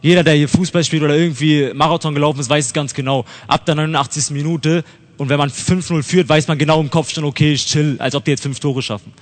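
A man's voice: fairly high pitch, fairly even intonation, fast. A young man preaching a casual, conversational sermon, using slang and acting out people's thoughts. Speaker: lay preacher. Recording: long hall reverb.

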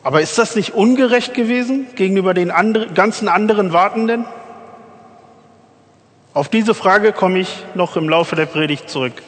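A man's voice: high-pitched, fairly bright tone, long reverb tail. A man preaching a sermon in an earnest way, speaking directly to his listeners.

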